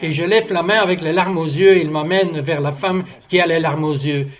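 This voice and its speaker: Earnest high-pitched male dub voice telling a testimony, dull lo-fi sound. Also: steady tone, a little fast. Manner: earnest storytelling, acts out the dialogue of his story. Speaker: interview guest telling a testimony. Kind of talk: French voice-over dub of a testimony.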